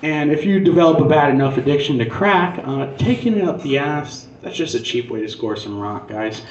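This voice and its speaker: A man's voice: fairly high pitch, animated, fairly quick, slight background noise. A man performing stand-up comedy as a profane, conversational and punchy rant. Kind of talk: stand-up comedy monologue, crude casual rant. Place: live comedy venue on stage. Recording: echoey club room, distant dull mic.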